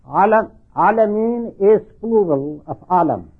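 An older man preaching and explaining scripture, deliberate and halting, repeating phrases, with slightly slurred lips-over-teeth articulation from artificial teeth. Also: high-pitched, lively intonation, slightly rough. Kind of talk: religious sermon explaining scripture. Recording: thin phone-like band-limited sound.

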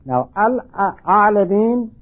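An older man preaching and explaining scripture, deliberate and halting, repeating phrases, with slightly slurred lips-over-teeth articulation from artificial teeth. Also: high-pitched, very animated, husky. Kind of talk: religious sermon explaining scripture. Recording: thin phone-like band-limited sound.

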